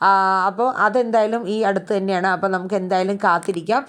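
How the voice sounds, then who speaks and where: A woman's voice: medium pitch, fast talker. A woman vlogger chatting through upcoming TV serial scenes in a casual retelling, acting out characters' lines as she goes. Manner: chatty, acts out characters' lines, tags sentences with "you know".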